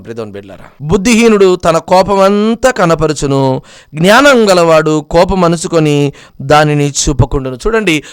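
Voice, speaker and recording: A man preaching a sermon, swinging between loud, pleading rhetorical questions and quiet, low asides. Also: clear, resonant tone.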